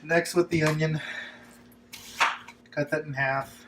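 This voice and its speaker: A man's voice: fairly high pitch, flat delivery, slow pace, noisy background. A man hosting a casual cooking demonstration, giving laid-back, chatty instructions with joking asides. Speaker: cooking show host. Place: kitchen, at the stove and counter.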